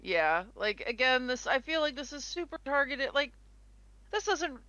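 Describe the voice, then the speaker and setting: A woman's voice: sits high, sing-song, normal speed, bright, forceful tone, no echo, rough recording. A young woman co-hosting a casual podcast chat, chatty and giggly, rambling with restarts. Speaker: co-host.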